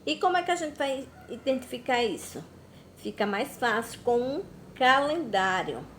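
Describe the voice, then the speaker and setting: A Brazilian woman teaching a recorded class to young children, slow and patient, drawing out words. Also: on the high side, a little hiss or hum. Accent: Brazilian Portuguese. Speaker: primary school teacher. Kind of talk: recorded remote class lesson.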